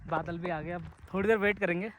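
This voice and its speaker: A man's voice: sits high, fairly even intonation, quick pace, noisy background. A man chatting casually to his viewers while trekking up a foggy hill trail, speaking into a handheld camera. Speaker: travel vlogger. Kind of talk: casual vlog narration to viewers. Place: outdoor hill trek in fog.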